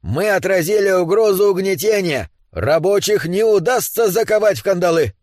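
Guy putting on a squeaky indignant little gnome, loud and huffy, voice jumps all over. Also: expressive, normal speed, dry recording, studio quality. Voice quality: indignant, shouty. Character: grumpy touchy male gnome miner, small, militant.

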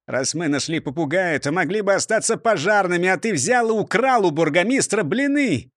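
A man's voice: high-pitched, expressive, moderate pace, fairly bright tone, no room sound, clean studio sound. A man voicing a stern, sensible fire chief in a storybook reading, scolding and matter-of-fact.

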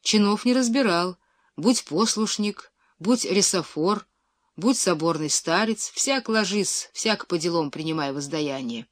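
A woman narrating a classic novel in a measured, expressive storytelling manner. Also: lowish voice, no room sound. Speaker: audiobook narrator. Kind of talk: scripted literary narration.

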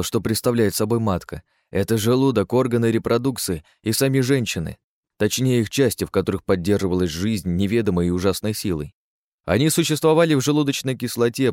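A man's voice: on the low side, a little mellow, no echo, clean studio sound. A man giving sardonic, crude first-person audiobook narration.

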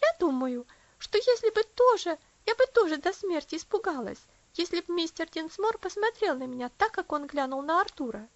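A woman's voice: expressive, moderate pace, few pauses, no echo. A woman voicing a timid girl who exclaims in fright in an audiobook story. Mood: scared. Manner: high, exclaiming. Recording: dull lo-fi audio.

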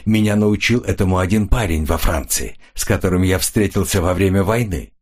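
A man's voice: deep voice, fairly quick. A male audiobook narrator voicing a cold, hard-edged man who keeps pressing a nervous woman. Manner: flat, pressing, coolly menacing. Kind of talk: audiobook character reading.

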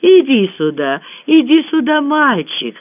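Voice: high-pitched, sing-song, measured pace, pitched above the performer's own voice. An audiobook reader voicing a dramatic young woman who talks tearfully and exclaims, over a tinny phone-like sound. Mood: gushing.

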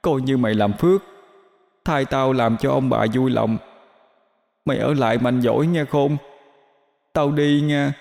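Guy playing a weepy young ghost, all choked up, voice high and wobbly, lots of reverb. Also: measured pace, gravelly, pauses often, a little mellow. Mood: choked farewell. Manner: sobbing, pleading. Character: young man's ghost, tearful and dramatic.

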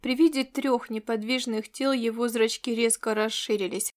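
A woman reading a science fiction audiobook in scripted narration, with expressive delivery. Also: on the high side, normal speed.

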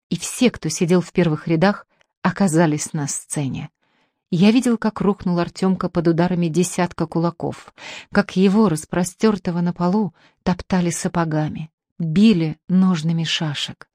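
A woman narrating a novel as an audiobook in a steady, measured, dramatic way. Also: lowish voice, no room sound, clean studio sound. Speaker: audiobook reader.

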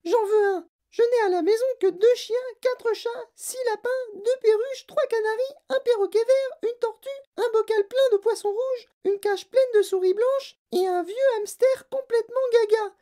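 A woman voicing a spoiled rich little girl who whines, demands and yells in a very high voice. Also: normal speed, hardly any pauses. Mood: demanding. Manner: whining, demanding, yelling.

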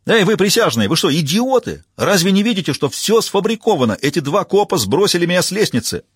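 A man doing a yelling, abusive drunk defendant. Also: on the high side, lively intonation, fast talker, slightly rough, no echo, clean studio sound, pitched above the performer's own voice. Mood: shouting. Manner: yelling, jeering. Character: brawling drunken male defendant, loud and abusive.

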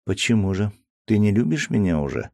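A man reading a storybook voicing a gentle, loving young woman who speaks softly and coaxingly, with a slightly raised voice. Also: on the low side, sing-song, a little fast, gravelly, no room sound, clean studio sound, voice pushed up. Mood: tender. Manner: soft, tender, coaxing.

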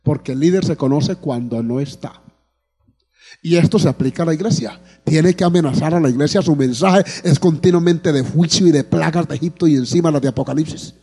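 A man's voice: a little high, fairly quick, mellow, breathy edge. A man preaching a sermon as pastor, calling out praise and asking the congregation questions. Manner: preaching to a congregation with frequent "amén" and "alabado el nombre de Jesús". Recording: long hall reverb.

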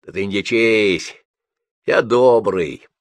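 A man voicing a hunched old grandfather from the criminal world, hoarse, brash and crafty, using rough slang. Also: on the low side, slow, dry recording. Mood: jovial.

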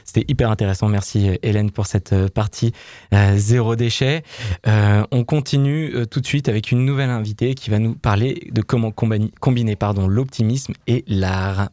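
A man hosting an interview show, talking in a relaxed, conversational way with slight hesitations. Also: fairly low pitch, moderate pace, dry recording, studio quality. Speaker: radio show host.

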